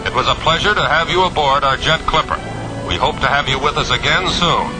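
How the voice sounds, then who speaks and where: An actor playing a composed airline captain, making a formal cabin announcement to passengers in a calm, measured way. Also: male voice, a little high, music in the background, lightly acted, poor audio. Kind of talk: cabin announcement over the intercom.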